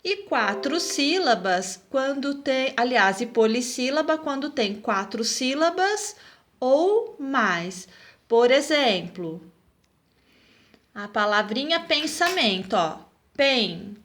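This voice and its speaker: Brazilian woman schoolteacher, slow and patient, slightly high voice, recorded class. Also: big pitch swings, fairly bright tone, slight background noise. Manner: patient, spells out words, checks with "tá bom?". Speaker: teacher.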